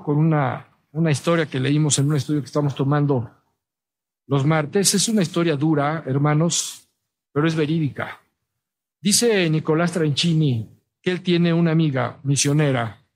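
Male preacher, slightly higher voice, earnest and pleading, repetitive appeals, storytelling with filler sounds. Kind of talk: evangelistic sermon.

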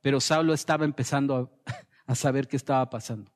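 A man preaching a sermon as pastor, building to impassioned peaks and dropping to soft, slow quotations. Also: mid-range voice, fairly even intonation, in a large hall.

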